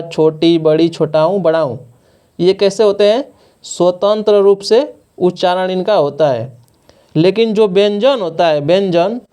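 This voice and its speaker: A man's voice: sits high, darkish tone, clean tone. A male teacher giving a lesson to children, asking his own questions and answering them again and again. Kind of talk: classroom lesson explaining spelling.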